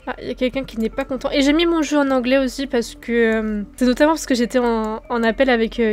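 Calm chatty young Frenchwoman gaming. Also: a little high. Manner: calm, relaxed, chatty with many fillers. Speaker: gaming youtuber. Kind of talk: casual gameplay commentary.

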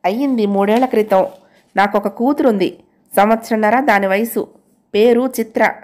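A woman voicing a troubled young woman who calmly reveals a hidden past, in an audio novel. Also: on the high side, normal speed, lightly acted. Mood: frank.

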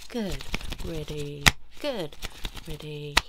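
A deep-voiced woman in her thirties plays a chiropractor in a fast ASMR roleplay, offering close-up personal attention with short instructions and praise. Her intonation is lively, her words drawn out, and she drifts in and out of whispers. It was recorded in a small indoor room, and the lo-fi audio is noisy with clicks.

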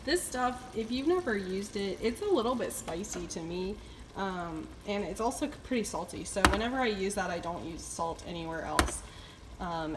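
A young woman chatting casually as she cooks dinner in her home kitchen, with lots of fillers while she thinks aloud. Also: lowish voice. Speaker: cooking vlogger. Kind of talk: casual cook-along narration. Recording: loud kitchen noise behind.

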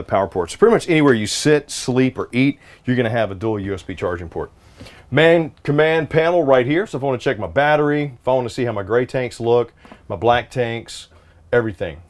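A man in his forties who reviews RVs gives a casual walkthrough tour of a small travel trailer, full of jokey, upbeat salesman patter. His pitch is an ordinary middle, and he's recorded close up inside.

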